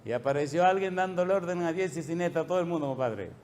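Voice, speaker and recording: A middle-aged male pastor preaching a sermon, pressing the congregation with repeated questions and dropping to a soft low voice at the ends of phrases. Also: lively intonation, fast talker, a little hiss or hum.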